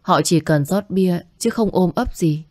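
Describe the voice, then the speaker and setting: A woman's voice: fairly low pitch, measured pace, no echo, studio quality. A woman voicing a humble pleading young woman. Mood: earnest. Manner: pleading, soft, polite. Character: young woman, poor medical student, earnest and humble.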